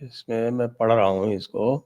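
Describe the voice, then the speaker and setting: A man's voice: lowish voice, steady tone, normal speed, a little mellow. A man with an Indian accent hosting a political talk show, reading out quotes with sarcastic relish.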